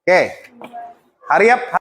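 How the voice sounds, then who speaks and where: Man teaching a class, high voice, mixes in English phrases, faint background noise. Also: sing-song, slow pace, a bit bright. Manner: mixes English phrases into speech, prompts students.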